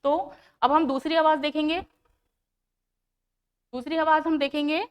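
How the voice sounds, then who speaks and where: A woman's voice: sits high, fairly even intonation, a little slow, dull audio. A woman science teacher explaining a lesson to schoolchildren in Hindi-accented speech. She asks questions and answers them herself, repeating the key terms. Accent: Hindi, North Indian. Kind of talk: classroom lesson explaining to children.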